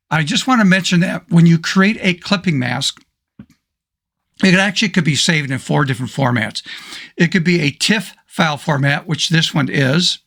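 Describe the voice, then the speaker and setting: A man with a hoarse voice, casually talking through a photo editing tutorial step by step. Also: fairly high pitch, a bit bright. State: hoarse, losing his voice. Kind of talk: screen-recorded software tutorial.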